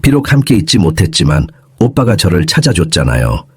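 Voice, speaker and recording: A man voicing a shy, tearful young woman who is the younger sister, in an audio story, with a husky voice. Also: deep voice, sing-song, a little fast, no room sound, clean studio sound, exaggerated voice. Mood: soft.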